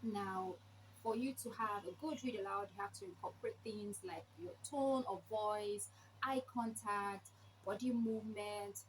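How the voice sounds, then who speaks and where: A woman giving an informal instructional talk, explaining step by step with emphasis and rhetorical questions. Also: mid-range voice. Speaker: presenter sharing read-aloud tips. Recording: clearly noisy background.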